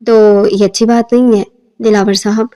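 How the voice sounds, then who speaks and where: A woman's voice: medium pitch, little pitch movement, dark tone, natural voice. A woman voicing a timid, frightened young wife in a storybook reading, speaking hesitantly and meekly. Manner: hesitant, meek.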